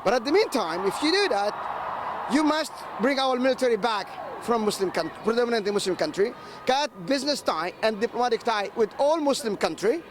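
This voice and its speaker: Man, very high voice, emphatic declaiming, off-mic in street noise. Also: expressive, fairly quick. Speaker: protester being interviewed. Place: outdoor street protest.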